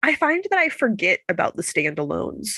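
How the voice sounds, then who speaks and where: A woman chatting casually as a book podcast co-host, playful and quick to laugh, her voice congested because she can't breathe through her nose. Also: mid-range voice, husky, no room sound, studio quality. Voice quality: congested, stuffy blocked-nose voice. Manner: playful, animated, laughs easily. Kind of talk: casual chat.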